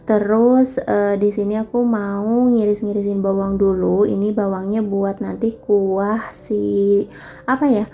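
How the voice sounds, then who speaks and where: A young woman talking casually through her home cooking, full of fillers, speaking in a kitchen. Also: gravelly. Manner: chatty, relaxed, many fillers and tag phrases. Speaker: vlogger. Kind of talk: casual cooking vlog narration. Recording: faint background noise and rumble.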